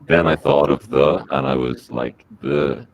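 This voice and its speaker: A man speaking through a disguised deep voice as a podcast guest, giving rambling, halting answers. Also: big pitch swings, gravelly, highs cut off. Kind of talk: comic podcast interview.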